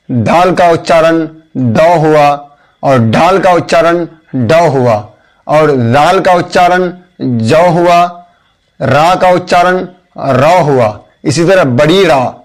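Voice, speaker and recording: A man talks through an alphabet lesson at a slow, unhurried pace. His voice sits a little high for a man, and he patiently repeats each letter and its sound one after another. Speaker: Urdu teacher.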